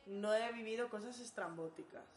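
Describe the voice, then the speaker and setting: A woman's voice: mid-range voice, moderate pace. A woman hosting a podcast, blunt and joking in casual chat. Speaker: podcast host. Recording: roomy room with faint music.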